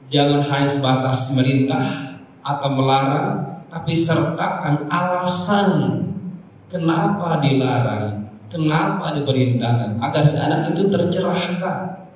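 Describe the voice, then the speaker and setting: A man's voice: mid-range voice, a little hiss or hum. A middle-aged man giving a sermon, asking the audience questions and explaining patiently. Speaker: Islamic preacher. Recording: echoey hall from far off.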